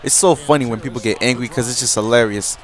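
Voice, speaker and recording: A man's voice: medium pitch, quick pace. A young man telling a rambling story in a casual vlog, with lots of restarts and a sore throat, as a gaming YouTuber.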